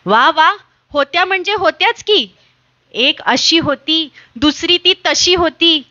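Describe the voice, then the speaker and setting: A woman's voice: extremely high pitch, expressive, slow, sharp tone, dull audio, exaggerated voice. A woman reading the part of a playful old grandfather who teases in rhymes. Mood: teasing. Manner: teasing, joking.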